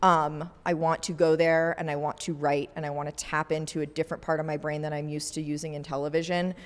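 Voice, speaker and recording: A woman's voice: deep voice, little pitch movement, fast, in a large hall. A woman co-hosting a podcast, chatting casually with plenty of fillers. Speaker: podcast co-host. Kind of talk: casual chat.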